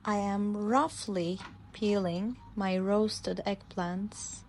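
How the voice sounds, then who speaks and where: Slow-speaking woman. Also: mid-range voice, steady tone, background noise. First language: Turkish. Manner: plain, simple sentences describing each step. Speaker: English teacher narrating a cooking video. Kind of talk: slow narration for language learners.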